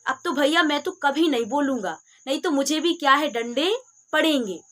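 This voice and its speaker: A woman's voice: high voice, expressive, moderate pace, fairly bright tone. A woman voicing a timid male house dog in a spoken moral story, talking in a worried, self-justifying way. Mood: wary.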